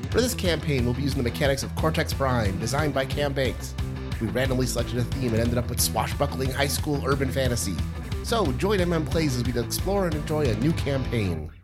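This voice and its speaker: Podcast host, male, even scripted read, loud guitar music behind. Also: medium pitch, brisk.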